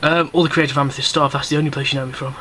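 A man's voice: mid-range voice, level tone, rapid-fire, bright, forceful tone, a little hiss or hum. A man giving rambling, cheeky unboxing commentary on camera, a bit out of breath. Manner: rambling, chatty, cheeky and self-mocking. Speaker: YouTuber. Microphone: camera mic.

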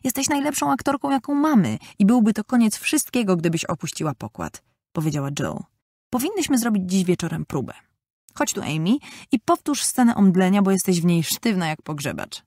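A tomboyish, bossy teenage girl, lively and bold, read by a woman. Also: medium pitch, brisk, no room sound, clean studio sound. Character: boyish, brash teenage girl.

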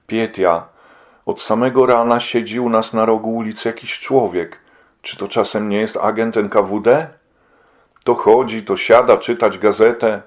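A man's voice: fairly low pitch, close to an everyday voice. A man reading an audiobook and voicing an anxious, devout wife who speaks in an earnest, pleading way. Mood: worried.

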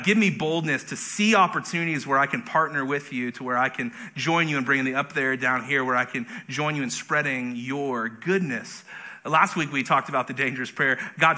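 Man, pastor, very bright voice, joking and casual sermon. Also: medium pitch. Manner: conversational, self-deprecating humor.

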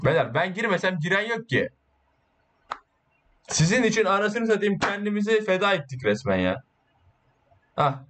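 Excitable man commentating his own gameplay. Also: high voice, moderate pace, pauses often, a little hiss or hum. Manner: excitable, swearing, boastful banter with teammates. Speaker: gaming YouTuber.

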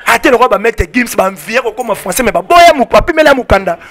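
High, bright-voiced Congolese man, fiery. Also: animated. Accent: Congolese French with Lingala. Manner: emphatic, rapid French-Lingala mixing, repeats "on se comprend". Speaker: fan club spokesman. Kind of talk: heated interview answers. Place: outdoor porch of a building. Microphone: handheld mic held by interviewer.

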